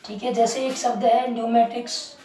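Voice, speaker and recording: A woman's voice: on the high side, little pitch movement, moderate pace, dark tone. A woman teaching English word pronunciation as a lesson, repeating words and asking the class questions. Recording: roomy, distant mic.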